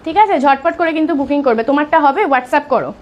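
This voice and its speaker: A woman selling sarees on a live stream, talking softly because of a sore throat and urging viewers to book fast. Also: high-pitched, lo-fi sound. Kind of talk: live sales pitch.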